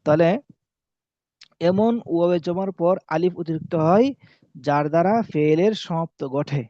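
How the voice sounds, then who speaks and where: At a normal pace, a man with a mellow, fairly high-pitched voice teaches Arabic spelling rules in a classroom-style lesson. He keeps returning to the main points and asks and answers his own questions. The dull, lo-fi recording is dry.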